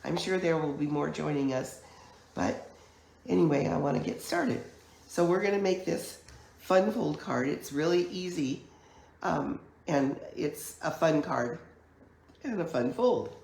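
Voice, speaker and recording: A woman with a cold walks viewers through a crafting project, her croaky voice heavily gravelly. She speaks at a slow, unhurried pace, chatty and practical. Her voice carries a noticeable room echo with faint background noise. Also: deep voice, darkish tone. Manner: chatty, unhurried step-by-step explaining. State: hoarse from a chest cold. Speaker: card-making demonstrator. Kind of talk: live online crafting class. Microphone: camera mic at a craft table. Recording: echoey room.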